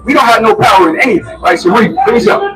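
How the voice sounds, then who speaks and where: A man's voice: high voice, expressive, quick pace, shouting, distant mic, over loud music, poor audio. A man preaching in the street, emphatic, pressing listeners to answer him back.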